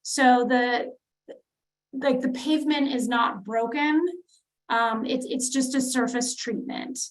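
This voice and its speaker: A woman's voice: a little high, steady tone, slow, rough recording. A woman presenting a street plan at a public community meeting, talking with many fillers and restarts. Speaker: city transportation planner presenting.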